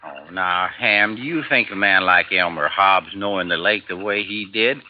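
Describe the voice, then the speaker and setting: An actor with a low-pitched voice plays a folksy, stubborn old desert fisherman in a 1950s radio drama, lightly acted at a moderate pace. He drawls and hesitates, and the old recording sounds dull.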